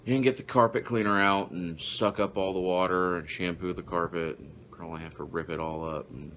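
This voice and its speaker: A man's voice: sits low, steady tone, a little fast. A man chatting for a family vlog in a dry, matter-of-fact way, teasing his kids. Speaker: father, co-vlogger. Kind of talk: casual family chat. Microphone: handheld phone. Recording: noisy phone video with loud vehicle hum.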